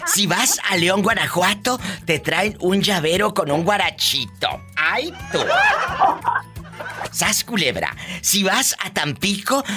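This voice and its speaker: A man with a Mexican accent hosting a call-in radio show, flamboyant and gossipy, teasing his caller and laughing often. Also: a little high. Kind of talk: campy call-in radio chat.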